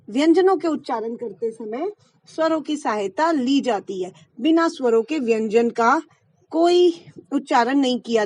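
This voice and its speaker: A woman's voice: a little high, a little mellow, dry recording. A woman teaching a Hindi grammar lesson to schoolchildren. She explains patiently and asks the class questions, then answers them herself.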